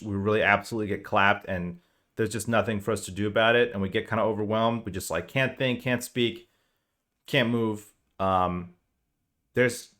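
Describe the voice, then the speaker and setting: Man, lowish register, relaxed conversational coach explaining to his team. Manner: conversational, animated explaining with acted-out examples. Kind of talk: casual spoken lecture.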